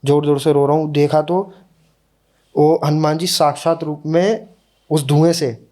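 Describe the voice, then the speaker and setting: Young guy on a podcast telling his own story, mellow tone, earnest, slows down for the big moments. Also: on the high side, steady tone. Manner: earnest, emotional retelling, slows down at key moments. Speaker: podcast guest. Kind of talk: casual storytelling.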